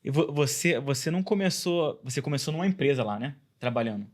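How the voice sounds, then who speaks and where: A man's voice: medium pitch, expressive. A man hosting a podcast who jumps in with follow-up questions for his guest. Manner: quick, interjecting follow-up questions. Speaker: podcast host. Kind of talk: interview questions.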